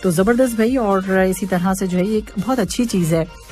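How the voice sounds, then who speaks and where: A woman's voice: mid-range voice, moderate pace, warm tone, faint music behind. Chatty radio host woman who laughs a lot. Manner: chatty, laughs often, mixes in English words. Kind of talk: casual radio chat reading listener messages. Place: radio studio.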